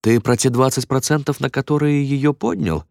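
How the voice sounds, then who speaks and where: A man voicing a weary middle-aged father who speaks quietly and hesitantly. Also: medium pitch, moderate pace, gravelly, dry recording, clean studio sound, voice pushed up, lightly acted. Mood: subdued.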